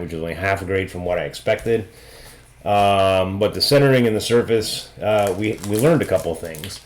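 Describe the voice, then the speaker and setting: A man hosting a casual video review of trading cards, talking loosely and thinking aloud as he goes. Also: low-pitched. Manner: loose and conversational, thinking aloud with frequent restarts. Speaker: trading card reviewer and host.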